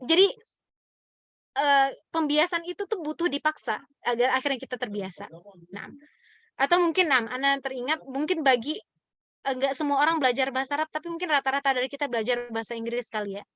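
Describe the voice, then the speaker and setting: A woman's voice: sits high, fairly quick, fairly bright tone, no echo. A woman teaching Quran recitation in a question-and-answer class, explaining with examples and many fillers. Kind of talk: online class Q&A lesson.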